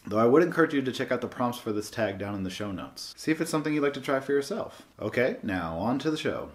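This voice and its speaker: A man's voice: mid-range voice, lively intonation, fast talker, slight background noise. A man hosting a book channel, giving a scripted monologue in a wry, sardonic way. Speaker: booktube host.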